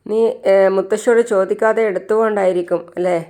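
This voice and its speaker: A woman voicing a gentle, protective young mother in a storybook tale. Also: medium pitch, steady tone, fast talker, natural voice. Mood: concerned.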